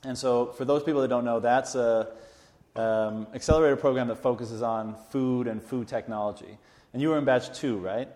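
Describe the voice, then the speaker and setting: A man's voice: mid-range voice, steady tone, normal speed, darkish tone. Casual male interviewer in echoey room. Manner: casual, rambling questions. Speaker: interviewer host. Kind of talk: conversational interview.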